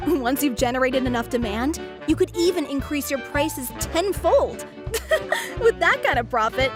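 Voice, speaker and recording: In video game voice acting, an eager young female merchant who loves money and has big ambitions speaks in a high voice. She delivers persuasive sales patter and tends to giggle, with game music playing behind her.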